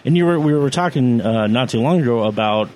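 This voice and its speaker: Male co-host, medium pitch, reactive and excitable, loose conversational delivery, audible room noise behind him. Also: fairly quick. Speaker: podcast co-host. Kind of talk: casual chat. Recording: noisy room with clear background ambience.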